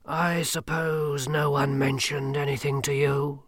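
A man reading a storybook, voicing Death as a tall male skeleton who speaks slowly, calmly and mildly. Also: fairly high pitch, no room sound. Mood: gently sympathetic. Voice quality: slow, hushed, dry and measured. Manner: mild, patient, faintly peevish.

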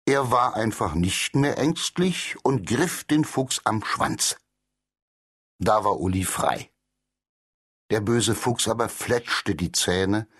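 Slow, lively male storyteller. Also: lowish voice, breathy edge. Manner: animated storytelling with character voices. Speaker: audiobook narrator. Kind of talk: children's storybook narration.

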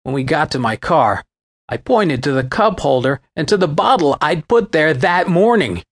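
Guy reading his own memoir audiobook, wry storyteller, really lively up and down voice. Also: a little high, moderate pace.

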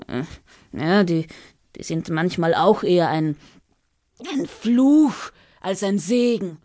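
Woman performing a fat, bored male treasure dragon in a children's storybook, slow and sulky. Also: mid-range voice. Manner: slow, sulky drawl with sighs. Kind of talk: children's audiobook character voice.

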